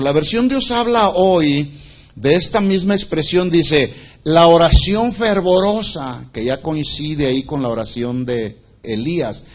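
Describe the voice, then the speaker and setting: A male pastor preaching a Bible-study sermon, explaining word meanings and asking the congregation questions. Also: fairly high pitch.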